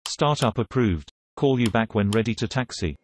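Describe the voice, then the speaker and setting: Man doing airline pilot, terse, procedural, low voice, faint noise. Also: expressive, moderate pace, lightly acted. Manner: terse radio procedure talk. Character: male airline pilot on the radio.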